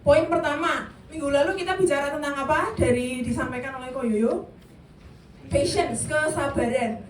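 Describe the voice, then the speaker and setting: A woman's voice: sits high, moderate pace, recorded from a distance. A woman giving an interactive youth sermon, questioning her listeners directly and mixing in English. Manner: lively, questions the audience directly. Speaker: youth service speaker. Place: church meeting room. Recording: echoey room, voice from afar, faint hiss.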